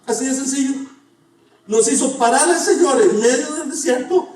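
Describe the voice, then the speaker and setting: In a very high-pitched, slightly mellow voice at normal speed, a middle-aged male pastor delivers an earnest sermon, sharing personal stories and questioning the congregation. The sound is distant and echoey, captured in the church sanctuary.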